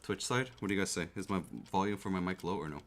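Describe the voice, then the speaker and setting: A low-voiced man talks quickly while building a keyboard live, casually chatting and looking in on his viewers. The desk mic close to the keyboard adds a little hiss or hum, with faint clicking and typing in the background.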